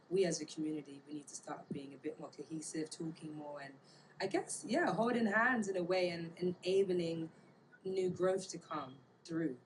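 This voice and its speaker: Woman, deep for a female voice, reflective, searching for words, casual interview, noisy ambient recording. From Bermuda. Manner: thoughtful, halting, searching for words. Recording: clear background ambient noise.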